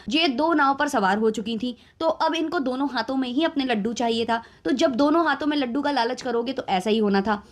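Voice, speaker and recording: A woman hosting a commentary channel, talking in a scolding, sarcastic way with many rhetorical questions. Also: high-pitched. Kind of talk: opinionated reaction commentary.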